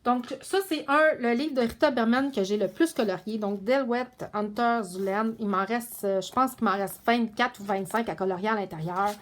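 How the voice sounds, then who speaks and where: A woman's voice: fairly high pitch, moderate pace, hardly any pauses. Chatty woman with loose, meandering speech. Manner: chatty, meandering, many fillers and restarts. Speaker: coloring book vlogger. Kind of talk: casual show-and-tell vlog.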